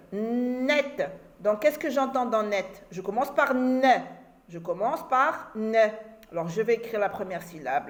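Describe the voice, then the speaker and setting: A woman teacher giving a reading lesson to children, sounding out words syllable by syllable and repeating them patiently. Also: medium pitch. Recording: echoey room.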